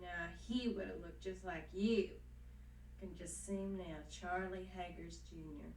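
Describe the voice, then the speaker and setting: An actress playing a hopeful country singer wife in a television soap, with a Southern American accent and folksy determination. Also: female voice, lowish voice, steady tone, measured pace, a little mellow. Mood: plucky, hopeful. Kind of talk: television soap opera acting. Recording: roomy, distant, hissy 1970s TV soundtrack.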